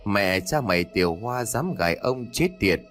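A man voicing a cantankerous old husband, gruff and defensive, in a read-aloud ghost story. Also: lowish voice, animated, normal speed, a bit bright, faint music behind. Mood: angry.

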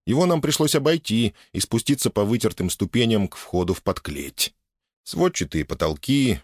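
Male audiobook narrator, low voice, lively wry delivery, dry booth sound. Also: no room sound. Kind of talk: first-person audiobook narration.

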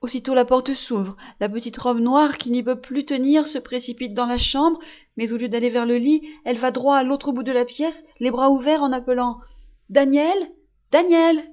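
A woman narrating a classic novel as an audiobook, with a measured and expressive reading. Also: high-pitched, lo-fi sound. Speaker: audiobook reader. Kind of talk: literary narration.

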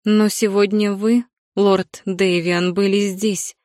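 A woman voicing a haughty, scheming aging stepmother who sneers and turns shrill. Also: level tone, slow, a little mellow, no room sound, studio quality, lightly acted. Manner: sneering, shrill when upset. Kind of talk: audiobook character voicing.

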